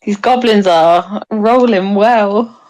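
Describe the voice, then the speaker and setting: A woman's voice: medium pitch, slow pace, darkish tone, highs cut off. A woman playing a tabletop game, chatting casually and thinking aloud.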